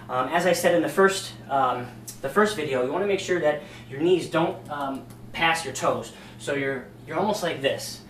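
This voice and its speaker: A man's voice: a little high, slight background noise. A man demonstrating workout exercises as a fitness instructor, talking casually with many fillers and a bit out of breath. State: slightly out of breath. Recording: echoey room, distant mic.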